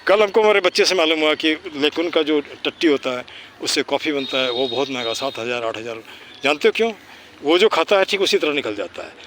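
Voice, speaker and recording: A man's voice: a little high, fairly bright tone, slight background noise. Lecturing man in a park. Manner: lecturing, asks rhetorical questions; slow, deliberate when speaking English. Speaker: teacher talking to school students. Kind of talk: informal lecture with quiz questions. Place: outdoors in a park.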